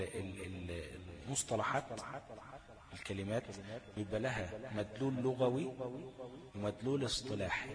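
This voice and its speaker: A man with an Egyptian Arabic accent teaching recitation rules in a classroom lesson. He keeps asking the class questions and then answers them himself. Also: medium pitch.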